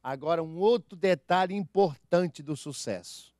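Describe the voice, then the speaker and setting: A man preaching a sermon as pastor, swinging from soft low asides to loud proclamations and comic impressions of churchgoers. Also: a little slow, dry recording. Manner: animated, mimics church members with comic voices.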